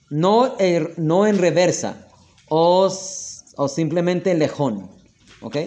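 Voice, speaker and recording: A man with a Colombian Spanish accent leads a lesson on prayer customs. His voice sits somewhat high, and he slows down to spell out each prayer word before moving on. He keeps checking with his listeners, asking whether they are with him. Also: a little mellow. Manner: explanatory, checks in often with "¿ok?" and "¿listo?". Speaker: rabbi teaching prayer customs.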